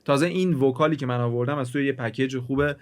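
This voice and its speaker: A man teaching music mixing in a casual, chatty way, talking straight to the viewer and explaining with everyday examples. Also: medium pitch. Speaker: music production instructor. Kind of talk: casual screen-recorded tutorial.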